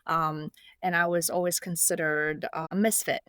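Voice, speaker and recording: A woman's voice: low voice, level tone, a little slow, a bit bright, clean tone, no echo. A woman from Indonesia, a podcast guest, speaking casually with many fillers and restarts. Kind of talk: casual interview.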